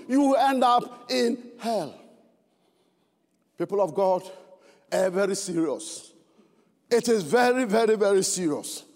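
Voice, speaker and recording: A man with a Ghanaian accent preaching a sermon, swinging between fervent shouts and low, earnest tones. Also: long reverb tail.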